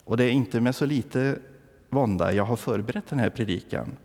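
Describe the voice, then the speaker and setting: Wry preacher in an echoey church. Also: male voice, medium pitch, darkish tone. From southern Värmland, Sweden. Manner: wry storytelling, asks the congregation. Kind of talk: humorous sermon.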